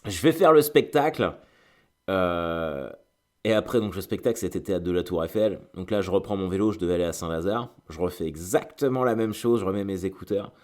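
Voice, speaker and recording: Chatty low-voiced French man rambling. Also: a little fast. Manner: chatty, digressive, full of fillers and acted quotes. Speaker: host. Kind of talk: casual storytelling monologue.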